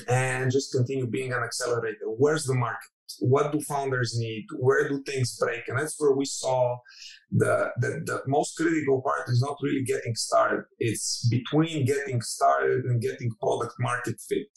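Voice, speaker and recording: Gravelly-voiced man, persuasive investor. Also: medium pitch, reverberant, distant mic, low-quality recording. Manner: earnest, persuasive, appealing to listeners. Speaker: venture fund partner. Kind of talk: podcast interview.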